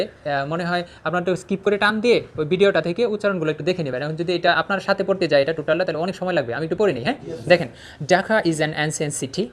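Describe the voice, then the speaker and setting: A man teaching an English lesson, loudly drilling words with a class and chuckling between words. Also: sits high. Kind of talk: classroom language lesson with call-and-response drills.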